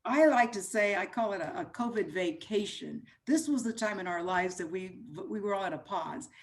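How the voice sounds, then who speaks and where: A woman's voice: medium pitch, expressive, moderate pace. Easygoing woman voice-over teacher chatting. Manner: easygoing, loose trailing phrases. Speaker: voice-over artist and teacher, guest. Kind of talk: casual interview chat.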